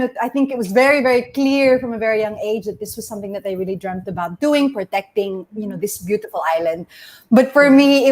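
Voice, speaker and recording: A woman raised in Australia chats easily as a guest, her voice sitting a little high. She laughs often and strings her thoughts together with "like." She comes through a video call. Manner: chatty, laughs often, many "like" fillers. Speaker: guest conservationist. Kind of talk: casual chat.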